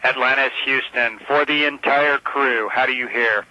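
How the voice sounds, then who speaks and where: A man's voice: mid-range voice, steady tone, moderate pace, sharp tone. A man working as a mission control communicator, giving formal, procedural voice checks over radio. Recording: dull radio channel.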